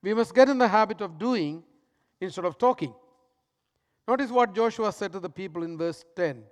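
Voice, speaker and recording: A man with a high-pitched voice preaching a sermon in a big echoing church hall. He pushes some lines out loudly, then drops others to a near-whisper. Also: expressive, normal speed. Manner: dramatic swings between loud emphasis and hushed, soft lines. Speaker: pastor.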